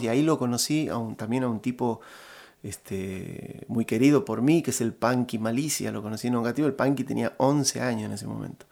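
A middle-aged man with an Argentine Spanish accent, casually telling a rambling anecdote, halting often with fillers and restarts. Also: mid-range voice, vocal fry. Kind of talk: casual storytelling.

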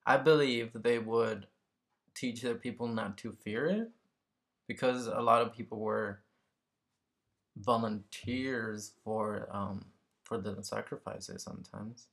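Man, from Mexico, low pitch, creaky fry, casual reflective talk, tentative phrasing. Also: slow pace, fairly bright tone. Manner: tentative, searching for words, often tags statements with "right?". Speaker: interview guest.

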